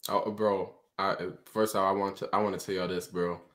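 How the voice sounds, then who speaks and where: A man's voice: deep voice, flat delivery, moderate pace, fairly bright tone. A man in a casual podcast chat, teasing in a slangy frat-bro way and peppering everything with bro. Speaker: podcast co-host.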